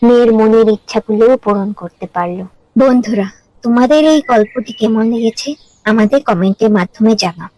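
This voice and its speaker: A woman's voice: a little high, a little mellow, low-quality recording. Woman narrating a children's cartoon.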